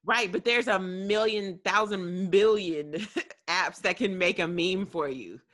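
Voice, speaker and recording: A woman's voice: medium pitch, takes it slowly, fairly bright tone. A woman in a casual podcast chat, talking in a chatty, emphatic way.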